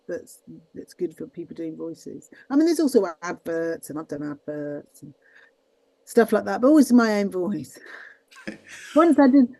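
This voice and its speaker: Woman, voice actress and teacher; soft warm timbre, chatty and meandering. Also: medium pitch, creaky, dry recording, rough recording. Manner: chatty, rambling with many restarts. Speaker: voice actress and guest; teaches students. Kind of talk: casual interview talk. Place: at her desk.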